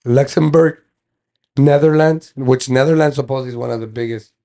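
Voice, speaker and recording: A young man co-hosting a casual podcast chat, explaining things in a halting way as he reads lists off his phone. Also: mid-range voice, mellow. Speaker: podcast co-host.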